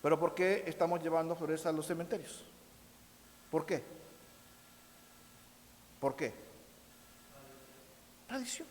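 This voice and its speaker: A Mexican pastor delivers an animated sermon in a church, his voice set a little high for a man. He keeps turning to the congregation and acting out little quotes. The sound carries a long reverb from the sanctuary. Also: takes it slowly, long pauses, a little hiss or hum. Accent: Mexican Spanish. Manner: animated preaching, repeats "hermanos míos", acts out quotes.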